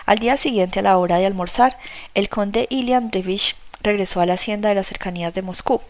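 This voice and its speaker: A woman's voice: mid-range voice, a little fast, no room sound. Woman reading a novel aloud. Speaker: audiobook narrator. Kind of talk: scripted narration of a novel.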